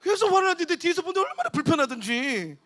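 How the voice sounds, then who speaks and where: High, bright-voiced Korean pastor preaching. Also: male voice, big pitch swings, fast talker. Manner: storytelling, acts out quotes with shouts and laughs. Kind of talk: energetic youth camp sermon. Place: church hall at a camp.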